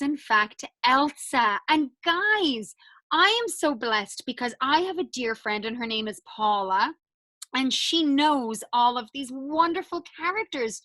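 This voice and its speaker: A woman drama teacher hosting a video call for children, animated and sing-song as she coaxes them to join in. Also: high-pitched, no room sound. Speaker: drama school teacher and host. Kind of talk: enthusiastic talk to children.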